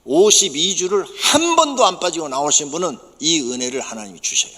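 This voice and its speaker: A man preaching a sermon as pastor, emphatic, dropping to soft low asides and rising to sudden loud bursts. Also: animated, a little fast. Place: church sanctuary. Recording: church sanctuary with long reverb.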